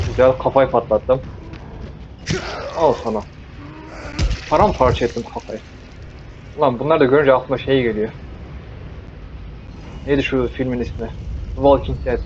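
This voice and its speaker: Brief: young male gamer, jokey chatter at the zombies, dull lo-fi mic, steady hiss behind. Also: mid-range voice, moderate pace, long pauses. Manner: joking, talks to the zombies, bursts into yells. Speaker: gameplay streamer. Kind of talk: casual let's-play commentary.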